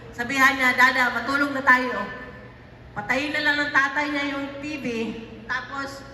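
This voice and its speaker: Her high-pitched voice pushed and bright, a middle-aged woman addresses a gathering with a tearful personal story, full of halts, restarts and fillers. A distant mic in an echoey hall captures her, along with slight background noise.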